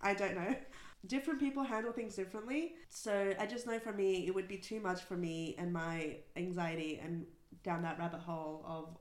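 A woman co-hosting a casual chat podcast, emphatic and animated, laughing often. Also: lowish voice, normal speed, roomy sound. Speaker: podcast co-host.

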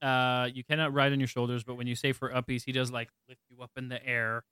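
A man's voice: medium pitch, level tone, fast talker, bright, forceful tone, clean tone, dry recording, studio quality. A man narrating as game master of a tabletop game, laid-back and laughing often, with many fillers.

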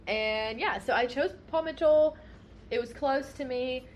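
A woman's voice: high voice, measured pace, slight background noise. Frank, rambling young woman stylist. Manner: rambling, frank, swears freely. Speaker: hairstylist and podcast co-host. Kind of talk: casual podcast chat. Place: United States.

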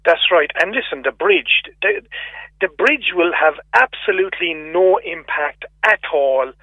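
A man's voice: fairly high pitch, animated, measured pace, no echo. A man with an Irish accent, calling in to a radio show over a phone line and ranting in exasperation, often repeating himself. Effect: heard over a phone line. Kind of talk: casual call-in complaint. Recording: tinny phone line, dry.

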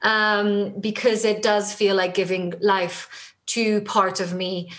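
Slow and level, her medium-pitched voice carries an Israeli accent; she is a middle-aged native Hebrew speaker from Israel. As a guest in a conversational interview, she reflects earnestly and frequently starts her sentences over.

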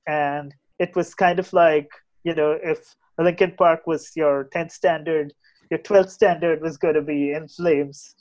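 A man's voice: on the high side, fairly even intonation, unhurried, darkish tone, muffled recording. A man with an Indian English accent chatting casually and giving opinions as a podcast guest, often repeating and restarting his phrases.

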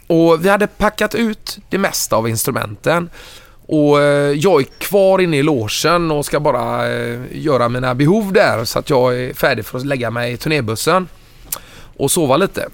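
A middle-aged man with a somewhat high speaking voice, a touring musician as guest, telling road stories in a loose, animated chat. He carries the story along with lively energy, jumping up when he acts out what people said. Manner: animated, acts out quoted lines in a raised voice. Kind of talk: casual anecdotal storytelling.

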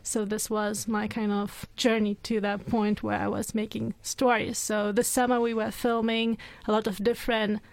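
A woman from Lithuania, a filmmaker guest on a radio show, speaking English as a second language in a soft, measured way. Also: medium pitch, level tone, creaky, no room sound. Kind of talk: radio interview.

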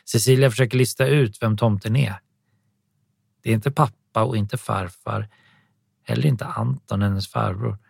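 A man narrating an audiobook in a calm, even storytelling manner. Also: fairly low pitch, creaky, husky, no echo, studio quality.

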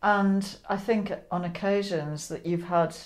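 A woman hosting a casual interview, chatty and gently teasing her guest. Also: mid-range voice, steady tone, measured pace. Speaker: interviewer, host.

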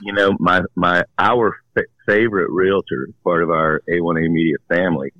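Deep-voiced man on a muffled phone line. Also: steady tone, bright, forceful tone, no room sound. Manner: easygoing, halting with fillers. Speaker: radio co-host calling in. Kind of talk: casual radio chat. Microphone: telephone.

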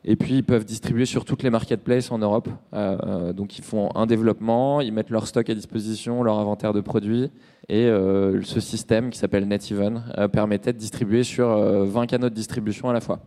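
This podcast guest, a co-founder of a startup, is a man in his thirties from Nantes who talks informally and loosely, hesitating often and tacking tags onto his sentences. His low, dark voice holds steady while running a little fast. He sounds like he's in a large hall.

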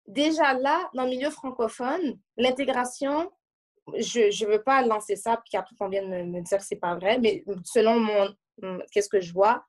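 A woman's voice: on the high side, normal speed. A young woman from Montreal with a Quebec French accent, talking animatedly in a casual discussion and often restarting her sentences. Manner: animated, questioning, restarts mid-thought. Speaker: panel discussant.

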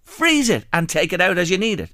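A man's voice: high voice, sing-song, a little fast, pushed and bright, dry recording, studio quality. An Irish man hosting a radio phone-in, chatting in a conversational, effusive way. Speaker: radio host. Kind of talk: casual phone-in chat.

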